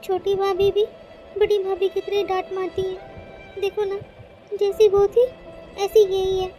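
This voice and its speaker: A woman's voice: very high-pitched, completely flat delivery, a little slow, dark tone, faint music behind. A woman voicing a timid, obliging young female student in a cartoon, pleading and grumbling to herself.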